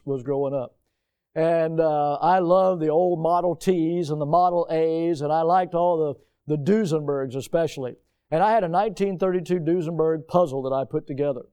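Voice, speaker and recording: A middle-aged male pastor preaching, reading scripture in a raised, measured voice, then telling folksy stories and asking the congregation questions. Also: high-pitched, dark tone, clear, resonant tone. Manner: folksy, storytelling asides.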